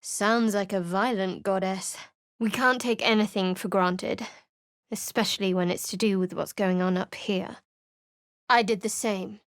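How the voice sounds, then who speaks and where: A woman's voice: medium pitch, no room sound, natural voice. Shadowheart, a woman voicing a dry-witted cleric. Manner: dry, cutting wit with cool reserve. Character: guarded, sardonic young woman cleric adventurer. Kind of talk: video game voice lines.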